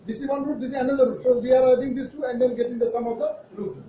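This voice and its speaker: A man's voice: very high voice, fairly even intonation, rapid-fire, crowd noise. A man with an Indian accent teaching maths to a class in a playful, teasing way, checking in with questions. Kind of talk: interactive classroom lesson. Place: classroom at a board. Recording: echoey, noisy, muffled classroom, far from mic.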